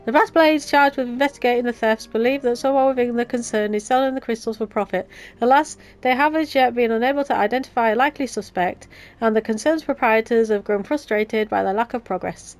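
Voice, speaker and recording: Woman reading as a formal, higher-pitched noble leader lady. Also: brisk, soft background music, natural voice. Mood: grave. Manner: formal, long-winded. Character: earnest, wordy noblewoman leader in fantasy game. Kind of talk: video game dialogue read aloud.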